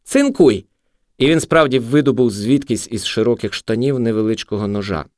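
A man narrating a novel aloud in an expressive, animated reading. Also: medium pitch, brisk, no room sound, clean studio sound.

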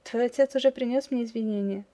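A woman's voice: a little high, fast talker, dark tone, close to an everyday voice. A woman voicing a polite, cheerful young woman runner.

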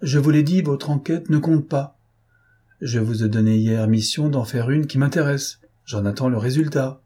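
A man reading the part of a self-assured gentleman thief in an audiobook, with a husky voice and dry, mocking irony. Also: medium pitch, normal speed, voice pushed up, lightly acted. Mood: ironic.

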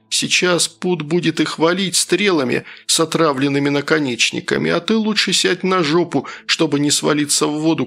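A man's voice: a little high, fairly bright tone. A man voicing a blunt, commanding male warrior mentor in an audiobook. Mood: urgent. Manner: blunt, commanding, rough-spoken.

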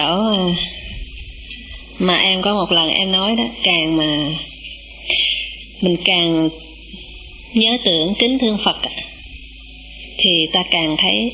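A woman with a bright, clear voice, giving a Buddhist dharma talk as a nun. She speaks humbly and keeps asking her listeners questions. Faint noise hums behind her in the recording. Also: fairly low pitch, rough recording. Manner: humble, calls herself "em", asks the listeners questions. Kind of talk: dharma talk to a monastic assembly.

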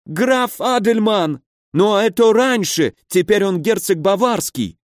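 A man voicing a terrified, cowardly nobleman who shouts in panic. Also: sits high, expressive, takes it slowly, no echo, clean studio sound, pitched above the performer's own voice. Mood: pleading.

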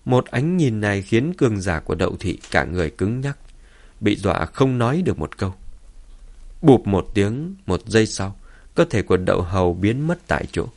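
Man, low voice, steady audiobook narration, martial arts novel. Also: normal speed, vocal fry. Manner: steady storytelling.

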